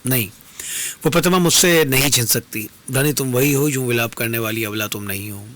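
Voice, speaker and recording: A serene wandering stranger, played by a male storyteller speaks in measured, philosophical and consoling tones at a mid pitch. It is a formal dastangoi performance recorded in a radio studio. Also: fairly bright tone, lightly acted.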